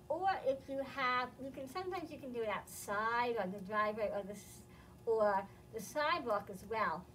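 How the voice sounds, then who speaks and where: A middle-aged American woman with a high voice presents a children's storytime, reading aloud and explaining things simply to young listeners. She's seated among bookshelves in an indoor library, recorded by a camera several feet away. The low-quality audio carries a little hiss or hum.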